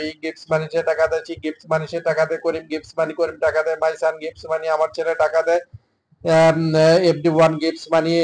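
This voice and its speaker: A man with a Bengali accent teaching an English lesson, reading each drill sentence in English and then in Bengali, steady and measured. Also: a little high.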